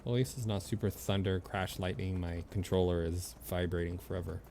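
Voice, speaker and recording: Deep and warm but flat in delivery, this man speaks fairly quickly over slight background noise. He's a game streamer playfully commentating live, addressing the characters on screen and letting out the occasional swear.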